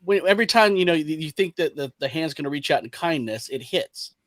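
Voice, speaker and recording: A man's voice: a little high, animated, a little fast, fairly bright tone, dry recording. A man on a podcast panel in casual chat, his voice muffled as if he is speaking into a cup.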